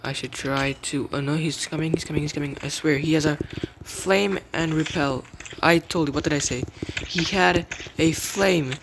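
A young man giving casual gameplay commentary, muttering to himself and repeating words rapidly in tense moments. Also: on the high side, steady tone, vocal fry. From English-speaking country with its own slang. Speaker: gamer. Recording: noisy home mic.

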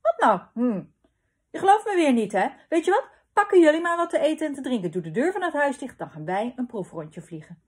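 A woman voicing an excitable, boastful inventor father who talks loudly and bouncily, brushing off doubts. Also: on the high side, normal speed, slightly rough, pitched above the performer's own voice. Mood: eager.

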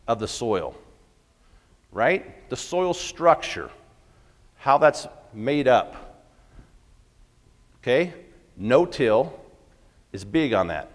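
A man, a farmer, giving a folksy conference talk and asking the audience questions. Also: medium pitch. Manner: folksy, asks the crowd questions. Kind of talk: storytelling lecture to an audience. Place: conference hall. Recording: long reverb of a large hall.

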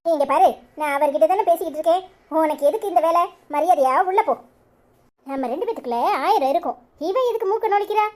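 A woman with a Kanyakumari Tamil accent voicing a sharp-tongued, bossy young wife in a cartoon. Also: very high-pitched, quick pace. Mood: scolding. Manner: curt, scolding. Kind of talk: cartoon voice acting.

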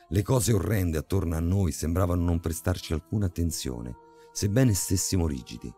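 A man narrating a scripted horror story in a dramatic, measured way. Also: low voice, dark tone. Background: faint music.

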